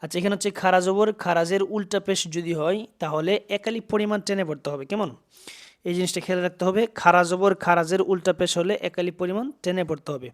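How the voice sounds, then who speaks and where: A man teaches Quran reading in a smooth, resonant, fairly high voice. He spells out syllables, draws the verses out in slow chant, then explains the rules quickly. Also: steady tone.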